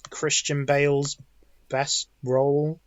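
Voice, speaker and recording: A man's voice: on the high side, level tone, takes it slowly, dull audio. Rambling man in casual podcast chat. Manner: rambling, restarts a lot. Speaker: podcast co-host.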